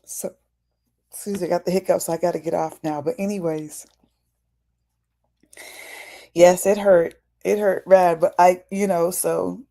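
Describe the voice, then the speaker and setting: A woman's voice: fairly low pitch, steady tone, moderate pace, gravelly, pauses often, warm tone. A woman hosting a live talk for her viewers, putting questions to them and calling them y'all in a casual, preachy way. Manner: preachy, asks the audience questions; casual, addresses listeners as y'all. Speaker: host. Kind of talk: livestream talk to an audience.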